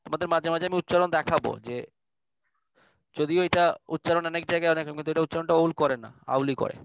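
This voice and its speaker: A man's voice: a little high, brisk, creaky, lo-fi sound. A man with a Bangladeshi Bengali accent teaching an online class, explaining in a chatty way and dropping in English phrases. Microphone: video call.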